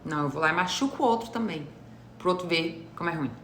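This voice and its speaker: A woman's voice: on the low side, animated, quick pace, a bit bright. Brazilian woman psychologist doing a live talk, teacherly, keeps checking ppl get it, roomy echo n a bit of hiss. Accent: Brazilian Portuguese. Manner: teacherly, checks in with listeners often. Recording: roomy echo with faint noise.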